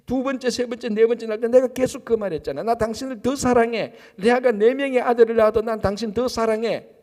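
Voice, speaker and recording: A man's voice: extremely high pitch, steady tone, quick pace, a little mellow, pitched above the performer's own voice. A man voicing a loving husband who reassures his wife, in an echoey church hall. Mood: reassuring. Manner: reassuring, pleading.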